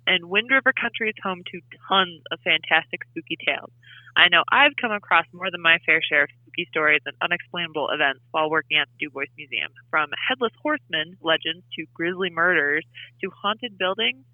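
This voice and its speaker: A woman's voice: on the low side, a little fast, dry recording, narrow, tinny audio. A woman co-hosting a podcast in casual chat, calling in remotely, with her voice sounding slightly robotic. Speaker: podcast co-host.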